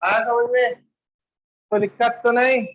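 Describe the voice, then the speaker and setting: Male chemistry teacher, high voice, drills students in class, tinny classroom recording. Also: level tone, a little slow, a bit bright. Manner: quizzes students with repeated questions; rattles off element lists at speed. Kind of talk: classroom lecture.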